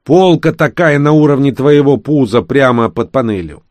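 A man's voice: medium pitch, animated, moderate pace, no room sound, pitched above the performer's own voice, lightly acted. A man voicing a short-tempered male hacker who barks orders and insults his partner, for an audiobook. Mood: bossy. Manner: shouting, impatient, insulting.

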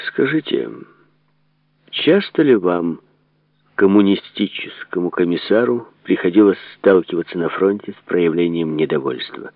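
A man's voice: sits low, lively intonation, a little slow, no room sound. A man voicing a stern old male prison camp inmate who asks hard, probing questions, in a phone-like narrow recording.

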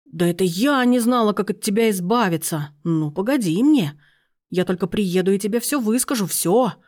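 A woman reading aloud and voicing a domineering middle-aged aunt who bursts into shrill, indignant outbursts. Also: sing-song, moderate pace, darkish tone.

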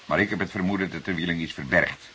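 In a hissy old radio play recording, an actor with a Netherlands Dutch accent plays a seasoned, wry, fatherly older police detective. His deep voice sounds bright and forceful as he speaks deliberately and somewhat ornately, almost lecturing.

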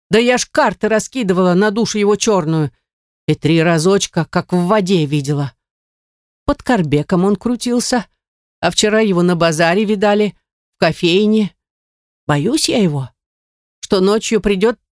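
A woman's voice: fairly low pitch, darkish tone, dry recording, studio quality, natural voice. A reader voicing an old grandmother who shrilly curses and accuses a neighbour in an audiobook. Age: older. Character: old grandmother, bitter, cursing, superstitious.

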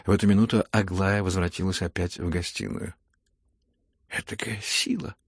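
A man reading a classic novel aloud as an audiobook narrator, in measured storytelling. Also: deep voice, level tone, darkish tone, no room sound, studio quality.

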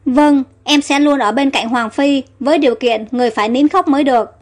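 A woman's voice: high voice, a little fast, soft background music, close to an everyday voice. A woman voicing a timid, loyal young maidservant with an anxious, devoted manner in a storybook reading.

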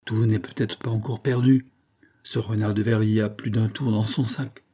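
A man voicing a jovial, gossipy old male peddler in a storybook reading, hearty and loud. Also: lowish voice, level tone, normal speed, husky. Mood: urgent.

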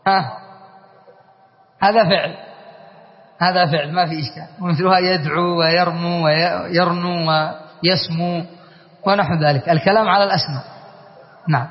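A man's voice: sits high, steady tone, normal speed, long pauses. A man teaching a classroom grammar lesson, quizzing his students and spelling out word forms. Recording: dull long-reverb lecture hall recording.

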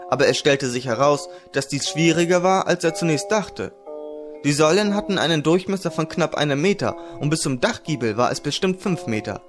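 A man narrating a fantasy audiobook in a measured, even reading. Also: fairly high pitch.

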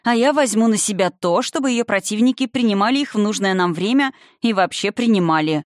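A reader voicing the spirit of an older father, calm and condescending, who lectures with mocking haughtiness in an audiobook. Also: sits high, brisk, no room sound, studio quality. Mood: haughty. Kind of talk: audiobook character reading.

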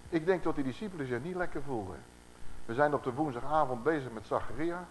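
A man preaches a conversational Bible-teaching sermon to a gathered congregation, animated and firing rhetorical questions at his listeners. His mid-range voice moves fast, and the low-quality recording carries a little hiss or hum.

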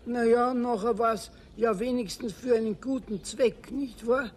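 An actor playing a gruff but kindly old caretaker with a Bavarian accent in a 1970s radio play. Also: male voice, very high-pitched, fairly even intonation, a little slow, a little mellow. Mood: good-natured. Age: older. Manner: folksy, chuckling.

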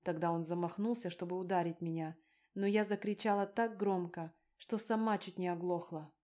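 A woman narrating a first-person novel in an even, measured audiobook reading. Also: lowish voice.

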